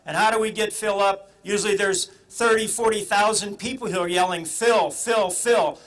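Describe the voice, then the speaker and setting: A man's voice: sits high, fairly even intonation, a little fast, fairly bright tone, rough recording. A man acting as master of a ceremony, announcing to the crowd in an emphatic, showman-like way. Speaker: ceremony master, club president. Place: outdoor ceremony. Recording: live outdoor event noise, crowd behind.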